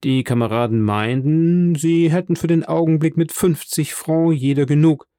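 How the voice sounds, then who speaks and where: A man voicing a gruff, loyal old sailor in an audiobook, speaking in a strained, pressed way. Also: on the high side, moderate pace, warm tone, no echo, studio quality, pitched above the performer's own voice, natural voice. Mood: pleading, loyal.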